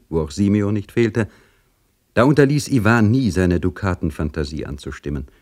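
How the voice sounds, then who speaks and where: A man narrating a classic novel as an audiobook. His voice is very low and measured. He reads expressively. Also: a little mellow. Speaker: audiobook reader.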